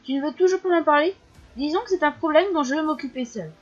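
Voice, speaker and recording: A woman voicing a gentle, reserved young male elf in a game, speaking softly and briefly. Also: high voice, quick pace, lo-fi sound, natural voice. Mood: guarded.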